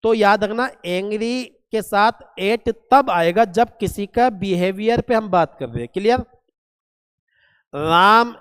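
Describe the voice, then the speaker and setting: A man teaching a classroom vocabulary lesson, asking questions and answering them himself, spelling words letter by letter and reading English examples very slowly. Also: high voice, clean tone, long reverb tail. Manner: asks and answers his own questions, calls students "beta".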